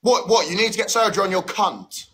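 This young adult livestream host sounds high, a bit bright and slightly rough. Indoors, phone held at arm's length, he brashly swears and fires off quick slang while bantering crudely with his audience.

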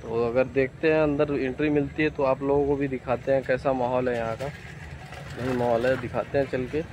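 Filming on a phone held at arm's length, a young man chats casually with his viewers on a walk by a highway and fields. He speaks at medium pitch with fairly even intonation and a moderate pace. The lo-fi phone sound is dull, and faint noise from outdoors comes through.

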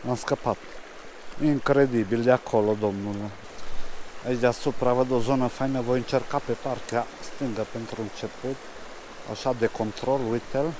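A man's voice: mid-range voice, a little mellow. A man, fishing on a mountain stream and giving casual commentary. He mostly mutters to himself, then speaks up to the camera. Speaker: fishing vlogger. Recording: rushing stream noise behind.

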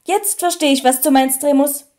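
Woman reading slow deliberate wizard man, mellow, storybook. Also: high voice, lightly acted. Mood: measured. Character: deep-voiced, measured male wizard.

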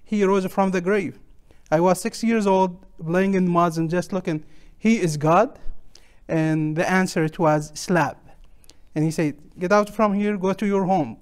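A man's voice: high-pitched, steady tone, measured pace, clear, resonant tone. A man, earnestly telling his life story as a guest on a studio interview show, lapel mic. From Syria. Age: 30s. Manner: earnest, simple broken phrasing. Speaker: guest, ministry leader. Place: TV studio set.

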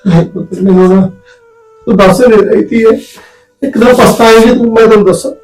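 An actor playing a worried older village father who pleads gently with his daughter, speaking Punjabi with a local accent. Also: high voice, fairly quick. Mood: anxious. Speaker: father-in-law, father of the bride. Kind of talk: short film drama acting. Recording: roomy sound with soft music behind.

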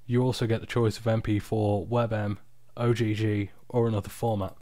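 Low-voiced man narrating a screen recording. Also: little pitch movement, normal speed, warm tone, dry recording. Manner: informal, unpolished, off-the-cuff explaining. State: tired. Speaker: software tutorial presenter. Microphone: external microphone, close and dry.

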